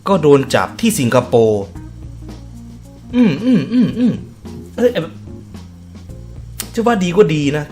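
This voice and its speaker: A man's voice: sits high, sing-song, takes it slowly, long pauses, darkish tone, soft background music. A man giving casual reaction commentary on video clips, laughing often and swearing offhandedly.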